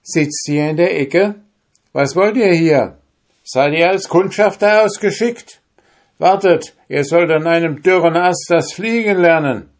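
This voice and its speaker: A man voicing a gang of rough robbers in a fairy tale, loud and threatening. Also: on the high side, big pitch swings, normal speed, few pauses, voice pushed up. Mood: menacing. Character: band of rough, menacing male robbers.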